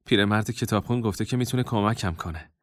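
A man voicing a gentle young man in a storybook, with soft speech. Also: fairly low pitch, no room sound, studio quality, pitched above the performer's own voice, close to an everyday voice.

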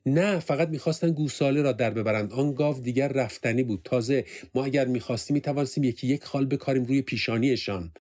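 A man's voice: mid-range voice, hardly any pauses, a little mellow, natural voice. A man voicing a troubled young male soldier who speaks earnestly. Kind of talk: audiobook character voice.

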